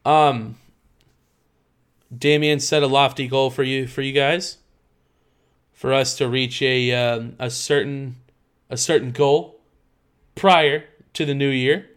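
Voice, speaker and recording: A man's voice: medium pitch, steady tone, slow, pauses often, fairly bright tone, clean tone. A man co-hosting a casual podcast in slangy, hyped bro talk, swearing freely. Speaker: podcast co-host.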